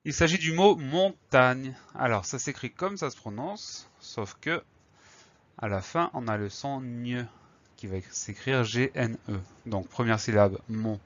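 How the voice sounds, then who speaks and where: A man's voice: medium pitch, lo-fi sound. A man teaching a spelling lesson, patiently breaking words into syllables and spelling them letter by letter.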